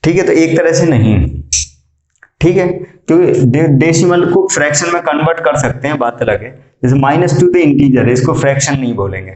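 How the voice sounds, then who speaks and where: A male math teacher lecturing a classroom, quizzing students and repeating key statements slowly. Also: a little high, animated, darkish tone. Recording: echoey classroom.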